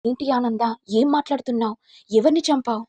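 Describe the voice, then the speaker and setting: A woman's voice: on the high side, brisk, warm tone, slightly rough, no room sound. A woman playing an alarmed elder sister. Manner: anxious questioning. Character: alarmed older elder sister, demanding answers.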